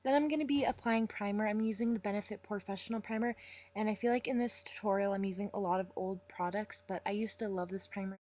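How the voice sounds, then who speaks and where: A young woman talking casually through her makeup routine in a voice-over, chatty and rambling, with fillers and quick apologies. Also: mid-range voice, a little mellow. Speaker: makeup vlogger.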